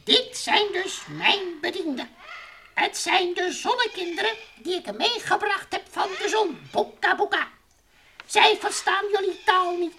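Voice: very high voice, creaky, fairly bright tone, full character voice. A performer voicing Professor Kwartje, a haughty, mischievous little alien who chatters grandly in nonsense-peppered speech in a children's radio play. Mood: grandiose, amused. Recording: old radio recording with faint noise.

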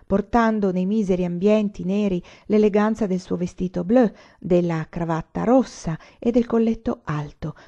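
Warm, low-voiced woman reading a novel. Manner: calm, measured. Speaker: audiobook reader. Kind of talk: literary audiobook narration. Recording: slightly muffled recording.

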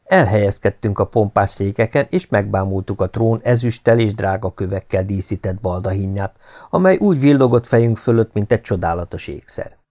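Lowish-voiced man narrating an audiobook. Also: lively intonation, warm tone. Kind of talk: scripted narration.

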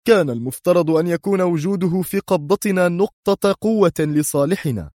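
Narrator voicing a harsh mastermind villain, raised pitch, altered mechanical voice, stern. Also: male voice, normal speed, a little mellow, no echo, clean studio sound. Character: cold, hidden male mastermind villain. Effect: altered mechanical-sounding voice.

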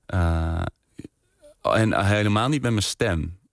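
A man's voice: fairly low pitch, takes it slowly, creaky, no room sound. A man being interviewed on a radio podcast, talking in a hesitant, self-deprecating way with lots of restarts. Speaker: podcast maker, interview guest. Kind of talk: relaxed radio interview chat.

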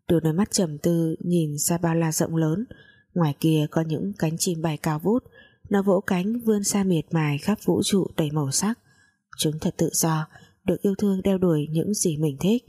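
A woman narrating a scripted story in a calm, measured reading. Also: low voice, husky.

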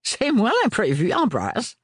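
A man voicing an excitable, eccentric male scholar and father who exclaims and slips English words into his speech. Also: high-pitched, a little slow, breathy edge, no echo, clean studio sound, voice pushed up, heavily acted. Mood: astonished.

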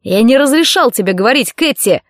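A woman's voice: fairly high pitch, animated, normal speed, no room sound, clean studio sound, lightly acted. A woman voicing a brutal, jealous young male football player who growls and sneers. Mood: menacing.

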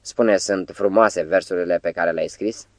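Man reading an anxious soft-spoken patient, low voice, quiet pleading delivery, audiobook reading. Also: steady tone, no room sound, lightly acted. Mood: uneasy. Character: anxious gentle middle-aged male hospital patient.

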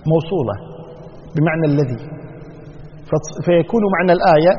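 A man's voice: high-pitched, a little mellow. A man giving a religious lesson, explaining a verse patiently and going over each possible reading. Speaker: Islamic scholar giving Quran commentary. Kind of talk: religious lesson to a live audience. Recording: dull lo-fi recording with long hall reverb.

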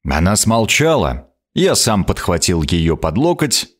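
Brief: male audiobook reader, low voice, very animated intonation, sardonic edge. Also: unhurried. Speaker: narrator. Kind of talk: audiobook narration.

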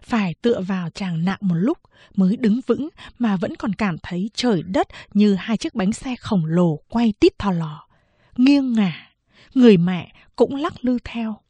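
Slow, measured woman narrating a novel. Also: mid-range voice, a little mellow, breathy edge, no room sound. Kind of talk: audiobook narration.

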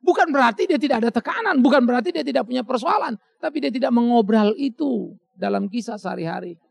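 A male pastor delivers a sermon in a high, gravelly voice that swings widely up and down. He speaks to the congregation directly and hammers his points home with repeated phrases. The sound is dry and close. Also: animated, fast talker, dry recording. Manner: emphatic preaching with repeated rhetorical phrases; addresses the congregation directly as "saudara".

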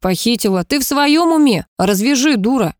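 A woman voicing a curt, cold male company director with a sharp, sarcastic edge, in an audiobook reading. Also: a little high, lively intonation, moderate pace, no echo, clean studio sound, voice pushed up, natural voice. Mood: irritated.

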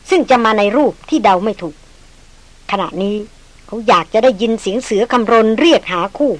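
A woman narrating an audiobook in a steady storytelling manner. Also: medium pitch, no echo, poor audio. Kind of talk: scripted narration.

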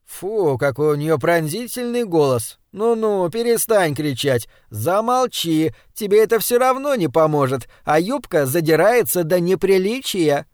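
A man voicing a brisk, irritable lady who scolds sharply. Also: lowish voice, lively intonation, darkish tone, no room sound, studio quality. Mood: cross.

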